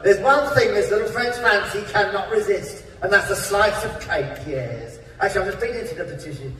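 A man playing a camp, shrill pantomime dame, a gossipy housekeeper delivering an exclaiming comic monologue. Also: a bit bright, a little hiss or hum. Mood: confiding, cheeky. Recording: echoey hall, distant mic, music.

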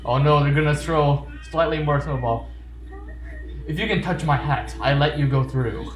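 This gamer's commentary comes in a fairly high voice at a moderate pace, playful and full of jokes as he reads the game's text aloud. It's a let's play recorded with roomy echo and game music behind it.

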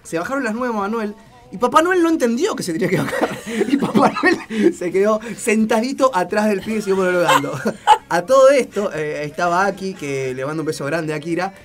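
A man's voice: high voice, lively intonation, a little fast, background noise. An Argentine man telling a funny story in a casual radio chat, laughing often. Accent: Argentine Spanish.

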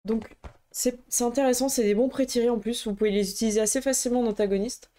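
Woman, casual show-and-tell chat, halting, full of fillers, mellow tone. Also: on the high side, fairly even intonation. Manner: hesitant, many fillers and restarts. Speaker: tabletop roleplaying game YouTuber.

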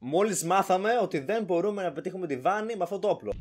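A man hosting a let's play, giving excitable, jokey commentary as he plays and shouting at game characters. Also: high voice, husky. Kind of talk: live gameplay commentary.

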